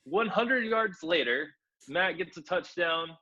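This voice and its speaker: A man's voice: sits high, animated, takes it slowly, bright, forceful tone, highs cut off. A man co-hosting a casual review podcast, swearing freely and laughing as he recaps the action. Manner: profane, laughs through recaps. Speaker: podcast co-host. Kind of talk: casual wrestling review chat.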